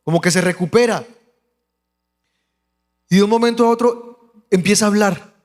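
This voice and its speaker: A man's voice: sits high, normal speed. A male pastor with a Colombian accent, telling a personal story in a sermon, acting out the voices of the people in it. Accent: Colombian Spanish. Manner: animated storytelling, acts out quoted voices. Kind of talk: sermon testimony. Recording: long hall reverb.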